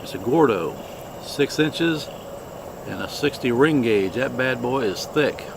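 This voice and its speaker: A man hosting a casual product review, talking in an unhurried, halting, plainspoken way. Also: medium pitch, expressive, vocal fry, noisy background. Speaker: cigar review host.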